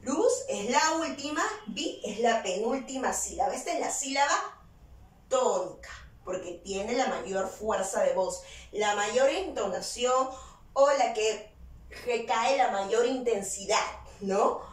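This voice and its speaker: A high-pitched woman teacher speaking at an unhurried, careful pace. She often poses questions to the class and answers them herself, leaning on the key words. Her voice sits back from the mic in a roomy, echoing space. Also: distant mic. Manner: slow, deliberate explaining with stressed key words. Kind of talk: virtual class lesson.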